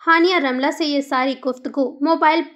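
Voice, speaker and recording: A woman narrating an audiobook in a steady, dramatic storytelling manner. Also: sits high, normal speed.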